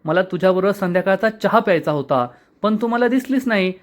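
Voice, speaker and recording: A man's voice: sits high, lively intonation, fairly quick. A man voicing a playful, lovestruck young husband who teases his wife with pet names, in a serial episode recap. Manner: teasing, cajoling.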